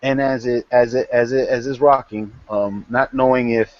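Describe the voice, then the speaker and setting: Rambling game master, dull lo-fi. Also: male voice, medium pitch, fairly even intonation, normal speed, dry recording. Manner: rambling, many restarts. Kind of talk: narrating a tabletop game.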